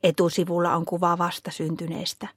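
A woman narrating a children's story in a calm, clear reading voice. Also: on the low side, dry recording, clean studio sound. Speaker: storybook reader.

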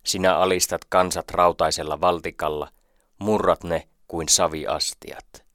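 A man with a very low voice reads scripture in a slow, measured, solemn way. The sound is dry and close, with no room around it. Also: little pitch movement, fairly bright tone, dry recording. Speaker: scripture reader. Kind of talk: scripted Bible reading.

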